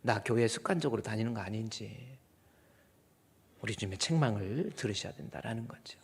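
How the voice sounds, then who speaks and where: A middle-aged male pastor preaching a sermon, moving between quiet asides and loud, emphatic peaks. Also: fairly low pitch, expressive, fairly quick, vocal fry, husky. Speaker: senior pastor. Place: church sanctuary. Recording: long reverb of a church hall.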